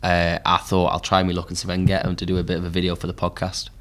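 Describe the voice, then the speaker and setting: A Geordie man, a podcast host and musician, telling stories in a relaxed pub chat full of fillers. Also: low-pitched, rapid-fire. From Newcastle, England. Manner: relaxed storytelling with frequent fillers.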